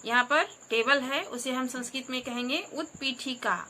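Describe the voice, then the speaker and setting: A woman Sanskrit teacher giving a school lesson, dictating words slowly and clearly and pausing for pupils to repeat. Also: sits high, bright, forceful tone, slight background noise.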